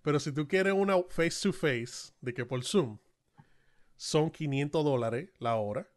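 A man with a Dominican Spanish accent and a slightly high voice chats casually as a podcast co-host. He tells his stories in an animated, slangy way. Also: unhurried. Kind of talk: casual chat.

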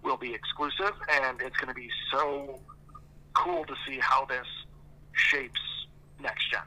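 A man heard through a phone on speakerphone, giving a calm, measured take as a guest on a casual chat. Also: mid-range voice. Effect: heard over a phone speaker. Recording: tinny phone speaker held near the mic.

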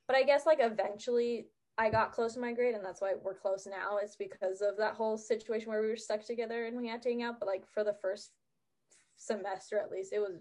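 A woman's voice: a little high, fairly quick. Young woman telling school stories. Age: teens. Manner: storytelling, animated retelling. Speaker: student in group chat. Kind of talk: casual chat.

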